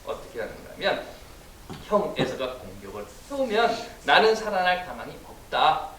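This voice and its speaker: A man preaching a sermon as pastor, telling the story in an animated way and acting out cries and inner thoughts. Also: fairly high pitch, normal speed. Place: church sanctuary. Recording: echoey church room, mic from a distance, faint hiss.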